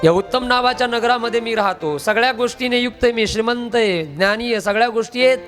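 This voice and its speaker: A man voicing a rich but sorrowful childless man who laments his misfortune slowly and pleadingly in a devotional story. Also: very high voice, a bit bright, faint music behind. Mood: lamenting.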